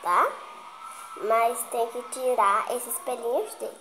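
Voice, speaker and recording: A woman's voice: on the high side, slow pace, pushed and bright, low-quality recording. A woman with a Brazilian Portuguese accent, chatting playfully as she runs a food game with a friend. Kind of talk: casual chat.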